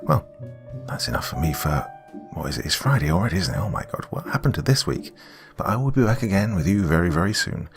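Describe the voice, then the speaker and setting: A gravelly, low-sitting male voice belongs to a horror story narrator and host who speaks as a storyteller, giving dramatic first-person narration before a casual sign-off.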